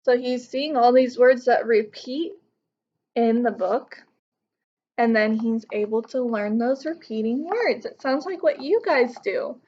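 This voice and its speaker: Her voice a little high and her pace measured, a woman in her thirties reads a picture book aloud to young pupils, teaching as she explains it. She's on the living room couch at home, and the recording has its highs cut off.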